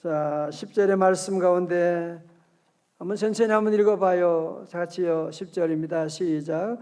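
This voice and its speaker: Man, pastor, early-morning sermon, high voice, mellow tone, chatty, asks the congregation questions. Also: clear, resonant tone. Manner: lively and conversational, prods the congregation with questions; reads scripture aloud slowly.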